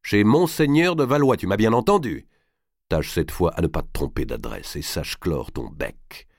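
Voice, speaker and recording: A man's voice: low voice, lively intonation, normal speed, no echo, clean studio sound. A man voicing a commanding nobleman giving firm orders to a servant. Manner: imperious, forceful orders.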